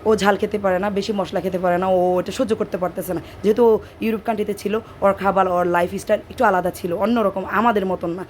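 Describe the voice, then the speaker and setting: A woman with a Bangladeshi Bengali accent and a hoarse voice talks through a home cooking video, drifting into chatty side stories as she works. Her pitch sits mid-range for a woman, and faint household noise hums behind her in the kitchen. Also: steady tone, quick pace. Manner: chatty, digressive storytelling while cooking. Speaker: cooking vlogger. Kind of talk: casual cooking narration.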